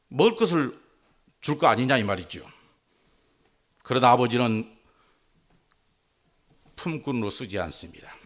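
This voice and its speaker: Animated pastor preaching. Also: male voice, mid-range voice. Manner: animated, acts out quotes. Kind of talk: sermon.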